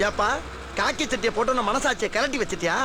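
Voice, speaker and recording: An actor playing a boastful, soft-hearted head constable in a comedy film, with a pompous, melodramatic and whiny delivery. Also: male voice, high voice, animated, quick pace. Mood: sentimental. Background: film score.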